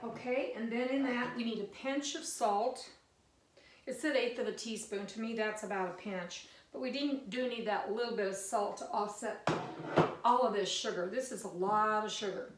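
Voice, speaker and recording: A woman's voice: a little high, moderate pace, roomy sound, far from the mic, background noise. An older woman from the Missouri Ozarks, chatting her way through a home cooking demonstration with folksy, rambling asides. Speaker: cooking video host.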